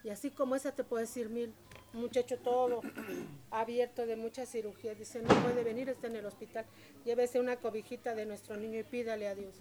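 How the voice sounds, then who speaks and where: A woman, telling stories in a lively, chatty and devout way during an interview. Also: a little high, fairly quick. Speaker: interviewee, local shop owner. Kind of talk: casual storytelling interview. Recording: street crowd noise behind.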